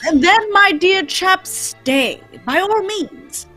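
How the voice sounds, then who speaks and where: A woman's voice: very high voice, expressive, pushed and bright, soft background music, exaggerated voice. A woman playing Sherlock Holmes as a keen, confident, courteous male detective in a theatrical radio play reading. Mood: courteous, assured. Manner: theatrical, brisk, instructive. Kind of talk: live radio play reading, old-time radio acting.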